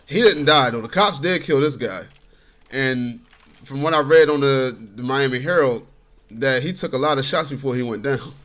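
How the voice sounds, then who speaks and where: A man's voice: medium pitch, moderate pace, fairly bright tone. A man talking casually over gameplay from his bedroom, chatty and laid-back and laughing often. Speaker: gaming commentator.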